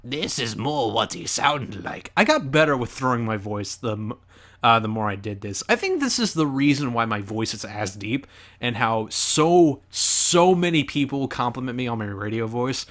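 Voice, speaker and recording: A man's voice: medium pitch, moderate pace. Sarcastic guy reacting to his old let's play, voice bouncing all over. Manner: animated, sarcastic and joking.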